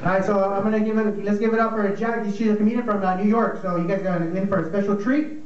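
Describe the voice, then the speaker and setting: A man with a high voice emcees a small bar comedy night, rambling loosely through announcements. He is heard from across the room, so the sound is roomy, dull and lo-fi, with a noise bed underneath. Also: steady tone, fast talker, a loud crowd. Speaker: comedy show host. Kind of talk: emceeing a comedy open mic. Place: small dim bar stage, indoors. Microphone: handheld mic, filmed by a far camera. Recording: echoey bar filmed from far, lo-fi, noisy.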